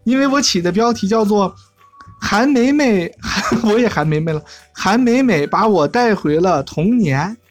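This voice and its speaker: Woman live show host, normal pitch, chatty n giggly, casual, soft music in back. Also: lively intonation, unhurried. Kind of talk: casual chat. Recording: music bed behind the voice.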